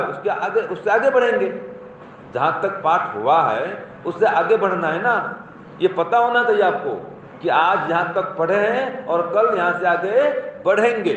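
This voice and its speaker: A man lectures a room of schoolchildren in a teacherly way, repeating his points and praising the children who answer. His voice sits high and carries from far off, in a very echoey space that sounds dull and muffled. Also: a bit bright, slight background noise. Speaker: speaker addressing school students. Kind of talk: moral talk to a class. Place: school hall or classroom.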